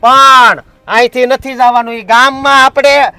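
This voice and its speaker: A man's voice: very high-pitched, steady tone, a little slow, pushed and bright, clean tone, no echo, heavily acted. A man playing a bossy, threatening village enforcer. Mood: stern. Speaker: village strongman blocking the road. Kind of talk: short film drama acting.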